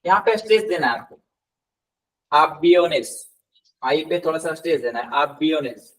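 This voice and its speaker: A man's voice: on the high side, animated. Patient male tutor, a bit off-mic. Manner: patient, repeats words slowly and quizzes students. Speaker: Spanish tutor. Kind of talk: live class teaching with explanations. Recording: voice somewhat distant from the mic.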